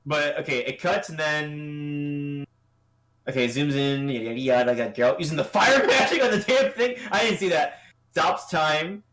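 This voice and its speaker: A man's voice: fairly high pitch, fairly even intonation, moderate pace, a bit bright. A young man co-hosting a casual livestream, judging animation entries in a laid-back way, laughing often and restarting his sentences.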